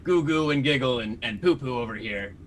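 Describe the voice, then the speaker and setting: A man's voice: medium pitch, expressive, brisk, a bit bright, slight background noise. A man describing his character's actions in a tabletop game, rambling with many "like" and "you know". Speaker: player.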